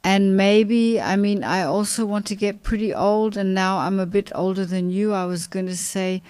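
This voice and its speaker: A woman's voice: mid-range voice, moderate pace, a little mellow, clean tone, no echo. A woman in her fifties hosting a conversational interview, affirming and encouraging her guest. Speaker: host.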